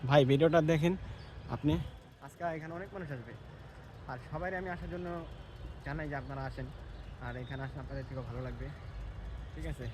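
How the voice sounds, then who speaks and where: Fast-talking man vlogging in a noisy crowd. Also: mid-range voice. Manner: chatty, addresses viewers as brother, hushes voice at times. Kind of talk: casual walking vlog. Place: outdoors at a busy mosque compound. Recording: noisy outdoor phone recording.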